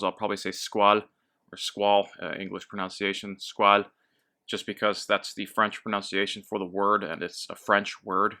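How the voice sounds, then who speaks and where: A man talks through his watch in a relaxed, unscripted way, often pausing to correct himself. His voice sits a little low but has a bright, forward edge. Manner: relaxed, with fillers and self-corrections. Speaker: watch reviewer. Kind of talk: casual product review.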